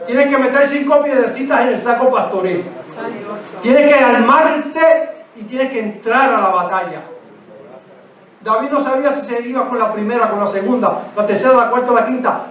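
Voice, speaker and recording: A man preaching a sermon in a church, exhorting his listeners with emphatic repetition and direct address. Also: very high-pitched. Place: church sanctuary. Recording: echoey church from a distant mic.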